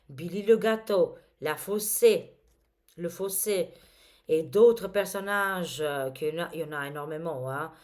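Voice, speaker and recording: Hesitant low-voiced woman tarot reader. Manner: hesitant, filled with frequent euh and hein, addresses viewers as les amis. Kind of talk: casual tarot reading to camera.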